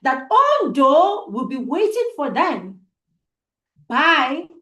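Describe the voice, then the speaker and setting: A storyteller who hosts a storytime show tells a dramatic tale for children in a high-pitched voice, slow and expressive. She is deliberate and suspenseful, repeating phrases for emphasis, and the recording sounds echoey and roomy.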